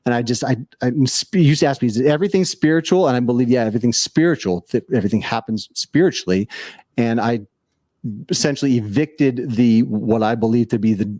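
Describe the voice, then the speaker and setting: A man's voice: medium pitch, a little fast, dark tone, no echo, clean studio sound. A man telling a personal story on a casual podcast, earnest and rambling, with frequent restarts.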